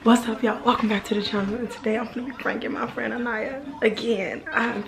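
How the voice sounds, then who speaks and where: A young woman hosting her own vlog, talking fast to the camera with a gravelly fry in her voice. She stumbles over her words and laughs as she talks. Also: on the high side, steady tone. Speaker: vlogger. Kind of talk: casual vlog talk.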